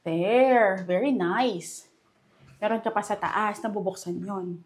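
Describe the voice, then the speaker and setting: A woman's voice: medium pitch, slow, slight background noise. A young woman with a Filipino accent giving a casual house tour, chatty and enthusiastic as she points out features room by room. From Philippines. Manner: chatty and enthusiastic, mixing Tagalog and English. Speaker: real estate house tour host. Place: indoors in a furnished house.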